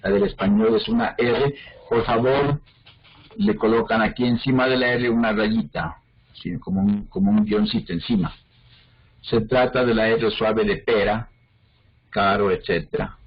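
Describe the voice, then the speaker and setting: Husky-voiced man teaching phonology. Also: on the low side, normal speed, lo-fi sound. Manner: explains step by step, checks understanding with frequent questions. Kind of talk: online class lecture.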